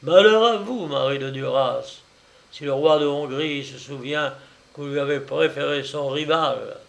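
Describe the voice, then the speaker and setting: Arrogant admiral, cold and stern, slow gravelly voice, guy reading it in an audiobook. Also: medium pitch, flat delivery. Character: arrogant, scornful middle-aged male admiral.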